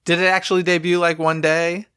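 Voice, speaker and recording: A man's voice: fairly high pitch, level tone, a crowd in the background. Chatty man co-hosting a casual podcast. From Southern California. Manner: chatty, quick asides, laughs easily. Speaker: podcast co-host.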